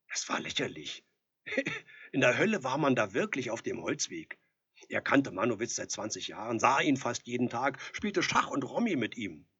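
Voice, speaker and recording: Mann liest hörbuch vor, heiser und lebhaft, dumpfer klang. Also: male voice, medium pitch, slightly rough. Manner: expressive, lively storytelling. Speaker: audiobook reader. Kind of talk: audiobook narration. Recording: dull lo-fi recording.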